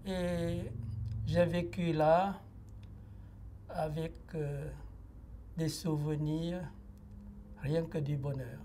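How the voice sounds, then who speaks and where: A Lao-man in his sixties gives a reflective testimony in an interview. His voice is mellow and his delivery slow and hesitant, full of pauses and filler sounds. Faint noise sits behind him. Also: fairly high pitch, fairly even intonation. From Laos. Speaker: interviewee giving a personal testimony.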